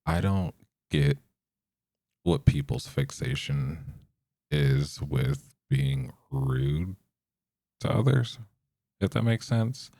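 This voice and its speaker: Gravelly, monotone man rambling on a podcast. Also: rumbling low, extremely slow, long pauses, no echo, studio quality. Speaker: podcast host. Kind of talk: unscripted solo podcast rambling.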